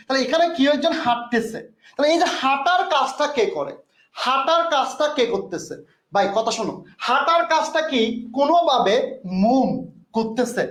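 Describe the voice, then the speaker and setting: A man's voice: very high voice, reverberant. A man teaching an English class to students, coaxing and repeating himself. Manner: repetitive, coaxing teacher talk. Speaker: English tutor. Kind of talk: online class lecture.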